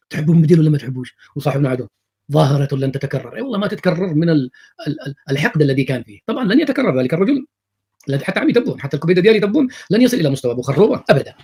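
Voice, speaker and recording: A man's voice: high-pitched, breathy edge. A man giving sarcastic reaction commentary on TV clips, mocking and repeating phrases. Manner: mocking, repetitive, animated.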